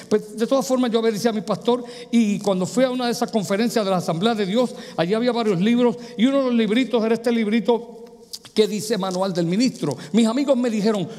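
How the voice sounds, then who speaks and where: High-voiced preaching man in a reverberant church. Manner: storytelling, swings from loud to hushed. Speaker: pastor. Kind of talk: sermon testimony.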